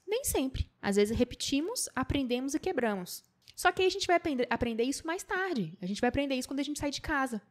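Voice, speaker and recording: A young adult woman hosting a podcast, telling stories in a casual, animated monologue and acting out quotes. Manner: animated storytelling, acts out quotes with shrill high voice. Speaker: podcast host.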